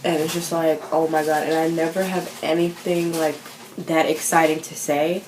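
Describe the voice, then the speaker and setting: Teen girl rambling to camera, low voice, roomy echo, little hiss. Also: level tone, moderate pace. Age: teens. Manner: chatty, self-conscious, full of fillers. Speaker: vlogger. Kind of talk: casual chat.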